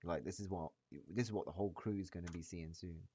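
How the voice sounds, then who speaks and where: A man's voice: low-pitched, fairly quick, dark tone, slight background noise. A man chatting casually with trading friends in slangy, hyped frat-bro talk, calling everyone bro and boys. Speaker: day trader sharing screen with a group. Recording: dull, roomy echoey voice-chat audio.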